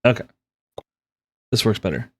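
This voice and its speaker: A man's voice: moderate pace, a bit bright. A man working as game master, improvising narration for a tabletop role-playing game. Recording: faint music behind the voice.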